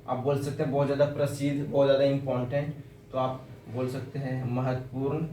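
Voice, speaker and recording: A man with an Indian English accent teaching English vocabulary and spelling words out slowly, letter by letter. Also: medium pitch, level tone, warm tone, roomy sound, distant mic, a little hiss or hum, low-quality recording. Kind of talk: vocabulary lesson.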